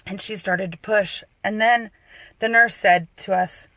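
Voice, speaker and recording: A doula telling a personal birth story, her voice emotional and close to tears, halting with frequent restarts. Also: mid-range voice, fairly even intonation, a bit bright, no echo, low-quality recording.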